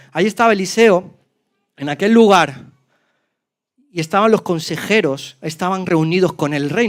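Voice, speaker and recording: A pastor from preaching a sermon, telling a story dramatically in a voice that swings between loud and soft. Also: male voice, sits high. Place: church.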